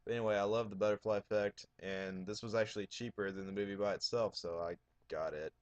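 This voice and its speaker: A man with a horror DVD collection, talking casually in a raised, loud, profane voice. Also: on the low side, steady tone, fast. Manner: raising his voice, loud and profane. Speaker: horror DVD collector showing his shelf. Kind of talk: casual video blog.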